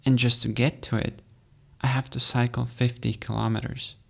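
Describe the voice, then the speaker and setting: A young man from Latvia, giving calm, matter-of-fact voice-over narration of his own journey. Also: medium pitch, moderate pace, vocal fry. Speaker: cyclist recounting a race. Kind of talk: scripted narration.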